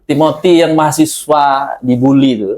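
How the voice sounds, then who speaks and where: Casual podcast host asking questions. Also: male voice, a little high, normal speed, mellow.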